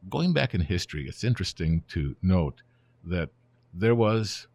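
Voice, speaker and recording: Explaining history as an interview guest, this Ukrainian-native man in his 70s, German-born and American-raised, has a very deep voice and an unhurried, easygoing storytelling manner. His phrases frequently fade out gently at the ends.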